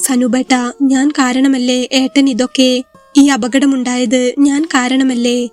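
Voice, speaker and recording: A woman's voice: high-pitched, flat delivery, normal speed, darkish tone, soft background music, natural voice. A woman voicing a young injured wife who asks anxious, pleading questions in a spoken story. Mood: tearful.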